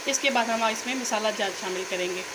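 A woman hosting a cooking channel, calmly explaining a recipe step by step in voice-over narration. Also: fairly high pitch, fairly quick. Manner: calm step-by-step instruction. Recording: noisy kitchen, sizzling pot.

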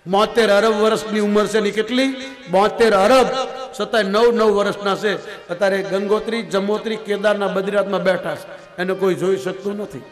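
A man's voice: high-pitched, fairly even intonation, moderate pace. A man giving a devotional scripture discourse, storytelling and acting out the dialogue. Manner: storytelling, acts out dialogue, chuckles often. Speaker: katha preacher. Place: large religious gathering hall. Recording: echoing hall with loud music.

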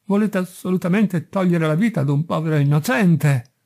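A man reading as a terrified merchant who begs for his life in slow, trembling pleas. The voice is rather high but warm and mellow. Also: vocal fry. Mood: pleading. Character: frightened, pleading male merchant.

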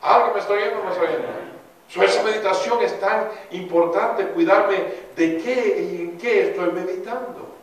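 A man preaching a sermon in a chapel, animated, asking the congregation rhetorical questions. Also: sits high, moderate pace. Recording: echoey chapel from far off.

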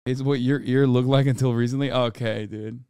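A man's voice: mid-range voice, fairly even intonation, normal speed, a little mellow, clean tone, no room sound, studio quality. A man in his thirties hosting a casual stream, putting on an exaggerated mock Australian accent full of crude, profane slang. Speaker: streamer host.

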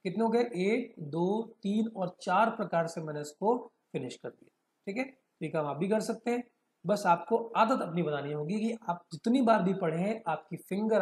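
A man teaching a lesson. He reads lines slowly, then explains them and keeps checking in with his students. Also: high voice, darkish tone. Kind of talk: screen-share lesson explaining a text. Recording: echoey room.

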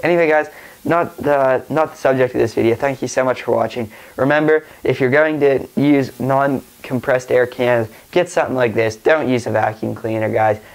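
A man's voice: medium pitch, moderate pace, creaky, low-quality recording. A young man with a stuffy nose from a cold, rambling casually through a tech vlog with lots of fillers and restarts. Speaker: tech vlogger.

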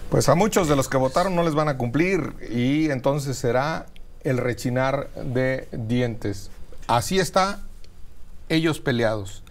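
A man's voice: mid-range voice, expressive, a little slow, a little hiss or hum. A middle-aged man with a Mexican Spanish accent, a senator speaking combatively as a guest in a TV studio interview. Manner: combative, emphatic. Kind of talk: political interview.

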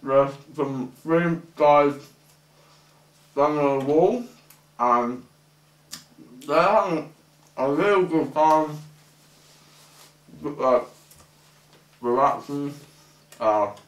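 A young man talking with his mouth full, mumbling a halting, rambling monologue muffled by food as he chews. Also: fairly high pitch. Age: young adult. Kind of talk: halting, rambling monologue to camera while eating. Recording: echoey room, distant microphone.

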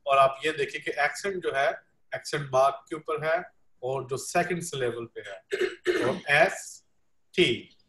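A man's voice: mid-range voice, moderate pace, fairly bright tone. A man interpreting a Greek lesson for a class, repeating each point and leaning on filler phrases. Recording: roomy, echoey room.

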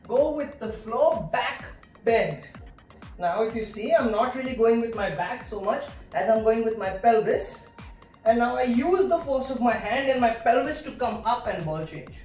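A woman teaching a dance routine, counting beats and breaking down each move while she demonstrates, a little breathy from dancing. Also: on the high side, a little mellow, distant mic. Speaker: dance instructor. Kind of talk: choreography tutorial. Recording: echoey room, voice off-mic, faint music.

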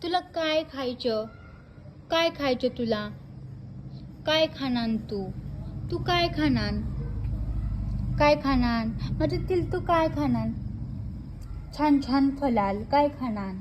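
A woman's voice: high voice, animated, takes it slowly, long pauses, background noise. A mother cooing baby talk to her two little daughters, repeating each question in a sing-song way. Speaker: mother talking to her babies.

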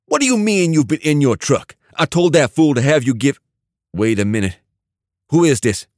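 A man's voice: a little high, big pitch swings, normal speed, a little mellow, dry recording, studio quality, voice pushed up. A male narrator voicing a hostile, swearing male gang boss on a phone call. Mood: suspicious.

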